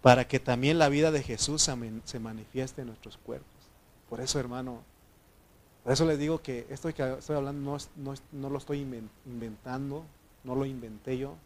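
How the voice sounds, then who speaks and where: A man preaches in a relaxed, talkative way. His voice sits at an ordinary middle pitch. He keeps turning to the congregation with questions. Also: fairly quick, slight background noise. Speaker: pastor. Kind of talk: sermon.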